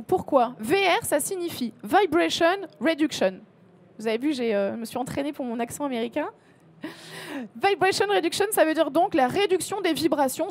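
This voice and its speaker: A woman's voice: high voice, darkish tone. A woman photographer giving a live presentation to an audience, chatty and explanatory, with light joking asides. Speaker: photographer giving a conference talk. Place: conference room with a live audience.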